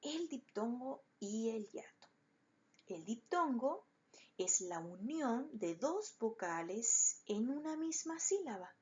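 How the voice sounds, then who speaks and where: A woman teacher talks slowly and patiently, leading young pupils through the lesson one step at a time. Her pitch rises and falls a great deal as she stresses each point. The recording sounds slightly muffled and dull. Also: a little mellow. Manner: patient, explains step by step to children. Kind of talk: recorded online class.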